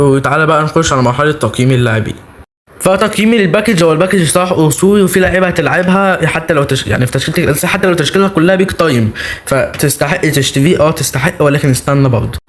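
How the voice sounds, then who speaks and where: A young man with an Egyptian accent, hosting a gaming channel and giving excited live commentary as he plays, cheering his players on. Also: on the high side. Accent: Egyptian Arabic.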